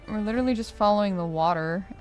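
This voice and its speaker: A young female gaming streamer gives casual let's-play commentary, reactive, slangy and prone to swearing. Her voice is medium-pitched and fast, with game music behind it.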